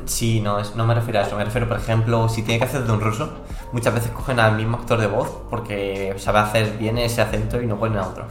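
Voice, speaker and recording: A man's voice: lowish voice, level tone, quick pace, echoey room, soft background music. A man with a Spanish accent co-hosting a podcast, chatting casually in an exclamatory, rambling way and often restarting his phrases. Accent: Spain Spanish. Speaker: podcast co-host. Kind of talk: casual chat.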